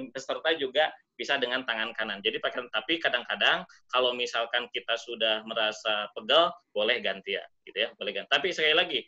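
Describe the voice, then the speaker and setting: Bright-voiced man teaching public speaking. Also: lo-fi sound. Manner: demonstrative, swings pitch and pace on purpose. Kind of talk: webinar lesson.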